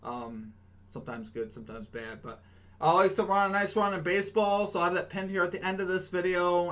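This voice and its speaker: A man's voice: fairly high pitch, a bit bright. A young man hosting a sports betting show, talking through his picks in a loose, chatty way with plenty of ums and restarts. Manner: chatty, many ums and restarts, upbeat sign-offs. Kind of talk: casual sports betting breakdown.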